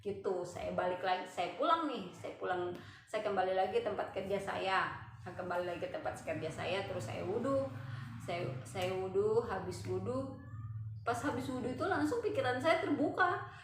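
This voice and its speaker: A woman's voice: mid-range voice, moderate pace. A young woman vlogger casually telling a personal story, repeating herself and acting out her own thoughts. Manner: repetitive, animated, acts out her own thoughts. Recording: very echoey room, faint hum.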